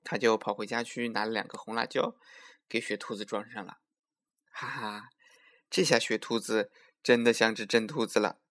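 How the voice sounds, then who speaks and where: A male storyteller reading a children's tale aloud. His voice sits at an ordinary pitch, gentle and expressive, and he slows down at times for effect. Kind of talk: children's bedtime story narration.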